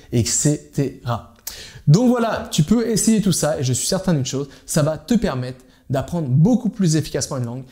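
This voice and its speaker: A man coaches viewers on learning a language in an informal lesson, speaking directly to them and hammering home his key points. He talks at a brisk clip in a warm, mellow voice that sits a little high for a man. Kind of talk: informal teaching monologue to camera.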